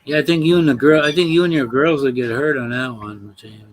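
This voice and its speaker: A man's voice: mid-range voice, quick pace, a little hiss or hum. A man in casual, playful banter, teasing his friend. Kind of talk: casual chat.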